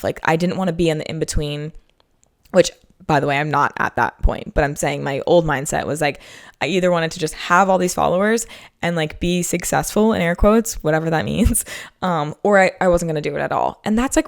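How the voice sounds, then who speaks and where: A woman's voice: low voice, vocal fry. A young woman hosting a podcast, talking casually and filling her sentences with "like" and "um". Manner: chatty, heavy use of "like" and "um", restarts. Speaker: podcast host. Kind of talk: casual solo podcast talk.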